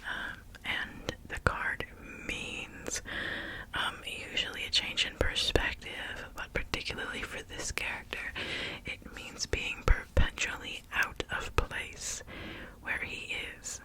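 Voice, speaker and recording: Slow, whispering ASMR creator. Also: poor audio. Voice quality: soft breathy whisper.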